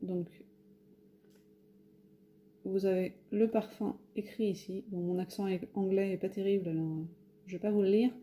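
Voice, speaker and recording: A woman's voice: medium pitch, steady tone, normal speed, long pauses, dark tone. A French woman casually showing her craft shopping haul, talking with many hesitations and fillers. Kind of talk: casual haul video talk. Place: home, near a window.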